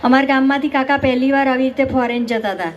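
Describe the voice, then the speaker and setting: A woman on stage telling comic stories, with a high, clear voice. She teases the audience and keeps asking them questions, in a lively, chatty way. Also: fast, dull audio, some chatter behind. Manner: chatty, teasing, talks directly to the audience. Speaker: stand-up comedian. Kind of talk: stand-up comedy storytelling.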